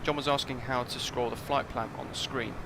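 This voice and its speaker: Gravelly guy rambling on a flight sim stream, noise behind him. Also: medium pitch, fairly even intonation, fairly quick. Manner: chatty, thinking aloud with fillers. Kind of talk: casual live-stream commentary.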